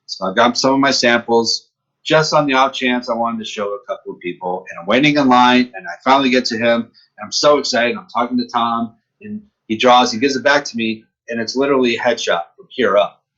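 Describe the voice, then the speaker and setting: A man's voice: mid-range voice, brisk, muffled recording. A man in his fifties from upstate New York, a podcast guest telling stories in casual chat and acting out the voices in the exchanges he recalls. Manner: lively storyteller who acts out quoted exchanges. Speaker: podcast guest, comic book artist.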